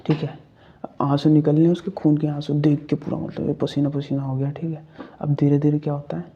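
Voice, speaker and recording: A man's voice: on the high side, flat delivery, a little fast, lo-fi sound, slight background noise. A man narrating a ghost story in a chatty, casual way, talking to his viewers and checking in with fillers. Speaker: horror storyteller. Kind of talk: casual spoken horror narration.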